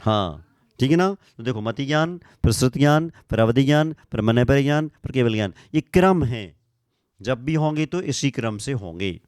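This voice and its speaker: A man's voice: medium pitch, animated, normal speed, a little mellow, clear, resonant tone, no room sound. Male scripture teacher, mid-range voice, dry close sound, patient and repetitive, checks understanding often. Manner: repeats lists, quizzes listeners, leads group recitation. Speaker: Jain monk teaching scripture. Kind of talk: classroom scripture lesson.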